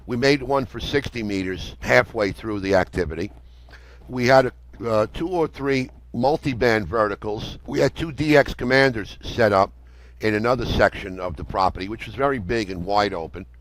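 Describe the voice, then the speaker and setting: An older American man, an amateur radio operator appearing as an interview guest, tells a story conversationally in a detailed, matter-of-fact way. His voice is lowish and a bit bright. There's no room sound.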